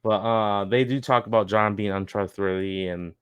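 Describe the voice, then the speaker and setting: A man's voice: lowish voice, fairly even intonation, moderate pace, clean tone, no room sound. A man co-hosting a podcast, recapping episodes in casual chat with lots of fillers and chuckles. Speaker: podcast co-host.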